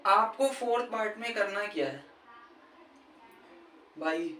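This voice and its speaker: A man's voice: high-pitched, expressive, takes it slowly, bright, forceful tone. A man giving casual cricket fitness tips, chatty and informal, often calling the listener "brother" and checking "okay". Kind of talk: casual instructional vlog. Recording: echoey, distant, faint background noise. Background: faint ambient sound, a TV match playing.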